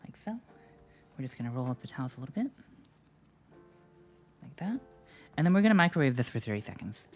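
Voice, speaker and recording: A woman's voice: very deep voice, big pitch swings, fast talker, pauses often, a little mellow. Rambling woman streamer cooking live. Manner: rambling, filler-heavy, jokey. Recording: slightly dull lo-fi sound with faint music.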